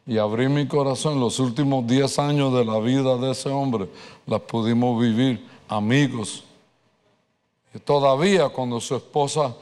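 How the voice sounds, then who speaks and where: Man, pastor preaching, lively storyteller, mid-pitched voice, long hall reverb. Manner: animated storyteller, mixes English words. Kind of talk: sermon with personal story.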